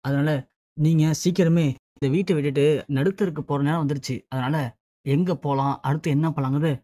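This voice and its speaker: A scheming woman taunts her relatives with scorn, read out by the narrator. The tone is mellow and warm. The sound is dry and close. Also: mid-range voice, fairly even intonation, fairly quick, no room sound, lightly acted. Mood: taunting. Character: scheming, mocking woman of the house.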